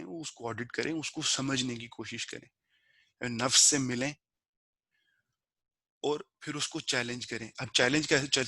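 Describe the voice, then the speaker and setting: A man explaining a book of spiritual rules step by step in a relaxed, conversational teaching style, slipping English words into his talk. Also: mid-range voice, no echo. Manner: slow measured recitation of a prayer verse. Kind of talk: informal spiritual lesson.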